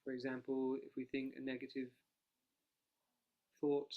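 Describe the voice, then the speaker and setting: Guiding meditation as a monastic teacher, this quiet man talks softly, calmly and slowly, his pitch staying level and even. There is no dedicated microphone, and the recording comes out muffled.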